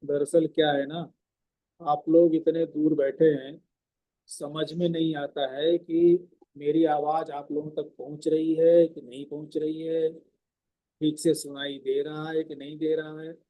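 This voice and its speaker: A man teaching a scripture discourse at an ashram. He speaks loudly and emphatically and explains the verses term by term. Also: fairly high pitch, level tone, measured pace, highs cut off. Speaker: spiritual teacher.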